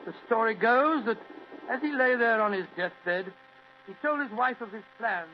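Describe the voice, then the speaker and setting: An actor playing a genial older British gentleman doctor who tells stories in an old radio drama. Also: very high voice, normal speed. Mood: earnest. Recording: muffled old radio recording with hum and hiss.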